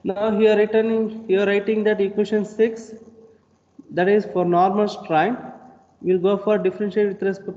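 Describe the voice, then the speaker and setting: Male lecturer, high voice, repetitive explanations, muffled call audio in a reverberant room. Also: darkish tone. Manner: repetitive explanatory teaching, asks rhetorical questions. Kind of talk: online engineering lecture. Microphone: video call.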